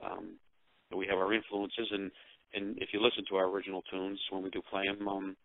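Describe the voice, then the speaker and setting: Low, halting American man over the phone. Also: monotone, no echo. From Utica, New York, United States. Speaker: rock band musician and songwriter being interviewed. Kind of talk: casual interview answers over the phone. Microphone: telephone. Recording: dull, narrow-band phone line.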